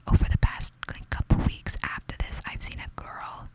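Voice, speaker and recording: A young adult ASMR creator with a New York accent whispers a casual, gossipy story, sounding confiding and chatty and saying "like" a lot. She keeps a moderate pace.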